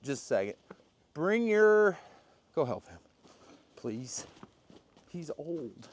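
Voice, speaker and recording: A man's voice: fairly high pitch, takes it slowly. A man hosting a shop vlog, joking and laughing with his crew while he directs the work. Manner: jokey, laughing, excitable. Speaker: vlog host working with a crew. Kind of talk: casual shop talk. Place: shop and yard, outdoors at times. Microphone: worn mic he is unsure picks him up.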